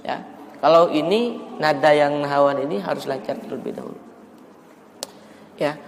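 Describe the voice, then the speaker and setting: Man, recitation teacher, slow deliberate talk, slightly high voice, mosque hall reverb, faint hiss. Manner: explains calmly, then chants verses slowly in a melodic tune. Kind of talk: religious class teaching melodic recitation.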